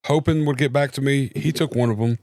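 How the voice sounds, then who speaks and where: A man's voice: mid-range voice, fairly even intonation, brisk, a little mellow, no room sound. A man co-hosting a casual fantasy football podcast, bantering and laughing as he explains his picks. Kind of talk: casual fantasy draft chat.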